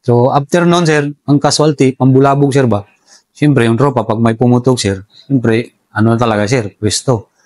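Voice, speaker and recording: A soldier telling how the enemy operated, in a relaxed interview, respectfully calling his listener sir throughout. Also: mid-range voice, moderate pace, no echo. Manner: respectful, says "sir" constantly. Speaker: soldier recounting enemy tactics. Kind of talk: casual interview storytelling.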